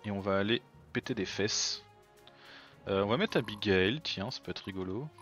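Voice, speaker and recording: A man's voice: on the low side, normal speed, fairly bright tone, soft background music. Chatty male let's-play host. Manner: chatty, thinks aloud with many fillers. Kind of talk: casual gameplay commentary.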